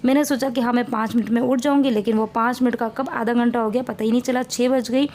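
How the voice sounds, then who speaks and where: Woman in her 30s, home vlogger, mellow, slightly high, talkative. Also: fairly even intonation, quick pace, a little hiss or hum. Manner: chatty, rambling, homely cooking talk. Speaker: family vlogger. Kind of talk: casual vlog narration.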